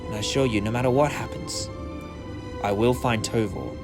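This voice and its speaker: A man's voice: fairly low pitch, moderate pace, music in the background, natural voice. A man playing an earnest, kindly alien traveller hero who instructs others in a fan audio drama. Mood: gentle, reassuring.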